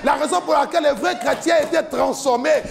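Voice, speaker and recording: High, gravelly man shouting a sermon. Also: fairly quick, faint music behind. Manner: impassioned preaching, often shouting, chanting cadence. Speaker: pastor. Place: large church hall with a stage, indoors. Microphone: handheld mic.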